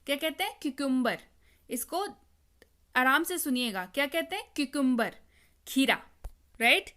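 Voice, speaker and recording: A woman's voice: high voice, lively intonation, moderate pace, sharp tone. A woman teaching vocabulary in a video lesson, explaining patiently, repeating words and quizzing the viewer. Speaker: English teacher.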